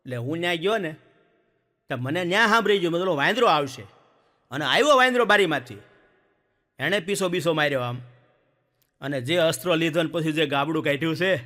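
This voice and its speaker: A man's voice: a little high, a little fast, long pauses. A man telling folk jokes on stage, acting out villagers and animals. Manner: lively joke-telling, acts out villagers and animals. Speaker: stand-up comedian. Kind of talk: folk comedy storytelling. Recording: long hall reverb.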